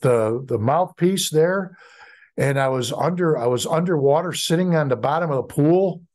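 Middle-aged American male pastor, preaching with many ums and restarts, slightly high voice. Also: a little mellow. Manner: halting, many fillers and restarts. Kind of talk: sermon.

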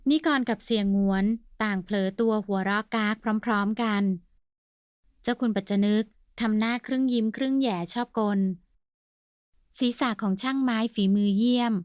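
A woman's voice: mid-range voice, clean tone, no room sound, clean studio sound. A woman narrating a comic novel as an audiobook host, telling the story politely and steadily.

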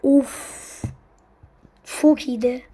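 This gaming streamer has a high-pitched, breathy voice that holds a steady tone while she talks extremely slowly. Commentating her own gameplay, she drops into muttered asides between loud, frustrated outbursts, cursing at her teammates.

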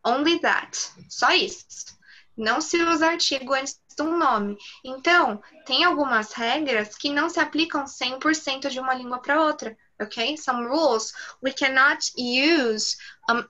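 Slow, bright woman teaching English. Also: high voice, lo-fi sound. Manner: repeats each point in English then Portuguese, slow and careful. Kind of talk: online class teaching. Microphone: video call.

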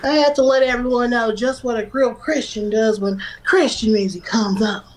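A woman of twenty from Louisiana, joking around on a livestream with a playful, bawdy manner and sudden shouted outbursts, recorded on a phone in a small bedroom. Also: a little high, normal speed, poor audio. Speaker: livestream host. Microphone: phone camera at arm's length.

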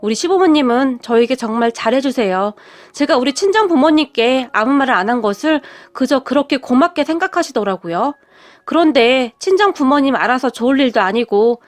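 A woman narrating a scripted first-person family story in an even storytelling manner. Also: high-pitched, fairly quick.

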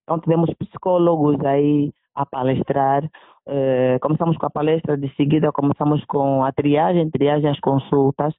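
A woman's voice: low voice, steady tone, normal speed, dry recording. A woman, a doctor summing up the community health event she organized. She talks in long lists and repeats words for emphasis. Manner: repetitive, stacking lists. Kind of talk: event summary in a report. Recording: tinny phone-like sound.

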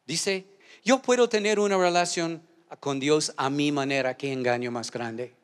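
A male pastor preaching a sermon in a church auditorium, leading call-and-response and swinging from shouted lines to low asides. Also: measured pace, clear, resonant tone.

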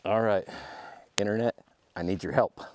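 A man's voice: fairly low pitch, moderate pace, darkish tone, slight background noise. A man in his thirties giving casual, laid-back camping tips outdoors at a wooded campsite. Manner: laid-back, chatty, talks to his dog. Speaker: overlanding vlogger. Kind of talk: casual how-to vlog.

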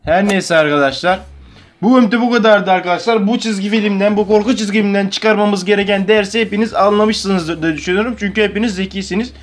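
This young adult man has a high voice and a quick pace. Sitting in his bedroom at home, the Turkish YouTube host jokes his way through a horror cartoon in loose, slang-heavy reaction commentary.

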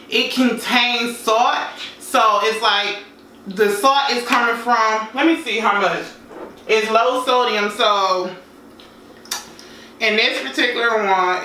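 A woman in her thirties with a mid-range voice gives a casual, chatty cooking demo indoors at home, relaxed and using homespun phrases. Recorded on a distant camera mic, the roomy kitchen echoes with clattering dishes and slight background noise.

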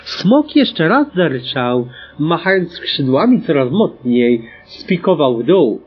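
Guy reading a fanfic audiobook, husky, pitch all over the place, lo-fi sound. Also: sing-song, slow pace, faint music behind. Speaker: audiobook reader. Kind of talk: storybook narration. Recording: dull lo-fi recording.

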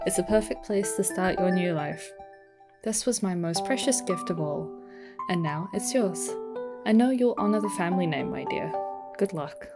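A woman reading out the letter of a gentle, wise old grandfather from a farming game, softly and slowly, with game music behind. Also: on the low side, expressive. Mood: tender. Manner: slow, soft, reading aloud. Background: background game music.

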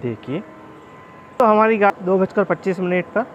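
A man's voice: sits high, animated, moderate pace, muffled recording. Chatty man vlogging from a train. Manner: chatty, often addresses viewers as friends. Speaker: railway travel vlogger. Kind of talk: casual vlog narration. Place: on a moving train and at a station. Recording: faint vehicle noise.

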